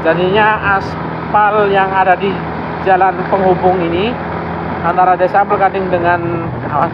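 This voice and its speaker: A man from Indonesia talking through a face mask in a halting, casual way, giving travel vlog commentary as he rides. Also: sits high, flat delivery. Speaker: travel vlogger. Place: outdoors, riding a vehicle on a village road. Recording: dull lo-fi, loud engine and road noise.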